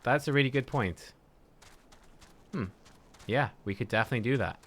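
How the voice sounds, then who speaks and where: Bright-voiced man chatting while gaming. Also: medium pitch, normal speed. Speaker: streamer playing an online role-playing game. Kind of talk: casual gameplay chat.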